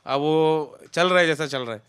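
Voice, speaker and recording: A man's voice: a little high, moderate pace, clean tone, no room sound. A young man, chatting loosely as an interview guest about a friend. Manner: relaxed, talks in loose run-on sentences. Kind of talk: casual interview chat.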